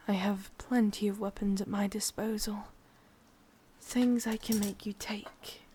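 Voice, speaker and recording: In a breathy, half-whispered ASMR roleplay, an English-accented woman plays an ancient witch who is lonely and sadistic. Her medium-pitched, natural voice drifts in and out of a whisper, moving slowly and haltingly with long, drawn-out pauses that feel menacing. Background noise can be heard.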